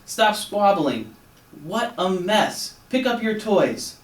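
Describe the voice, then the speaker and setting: A man voicing a fussy, warm-hearted mother toad who speaks in high, emphatic exclamations. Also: very animated, slow pace, heavily acted. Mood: scolding. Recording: roomy, slightly distant, faint hum.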